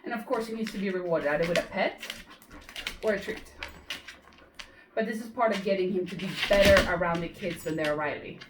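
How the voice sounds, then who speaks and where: A woman dog trainer speaks briskly at a fairly low pitch, pausing often. Casually walking through a training session, she explains and breaks off to praise and cue the dog. The recording has a roomy sound, distant mic, and faint noise.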